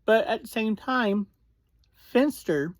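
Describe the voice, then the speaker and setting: In a casual episode recap, a podcast host reviews things conversationally at a slow pace, in halting bursts of short phrases. The medium-pitched voice sounds animated and is recorded close and dry, with little room sound.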